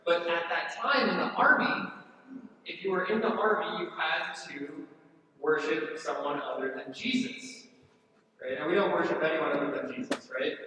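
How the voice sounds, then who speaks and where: A man's voice: on the high side, moderate pace, sharp tone. A man serving as priest, leading Mass and preaching to schoolchildren in a cathedral echo, often asking the congregation "right?". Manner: questions the congregation, adds "right?". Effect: cathedral echo, long reverberation. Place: large church. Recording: echoey church from far off, audible hiss.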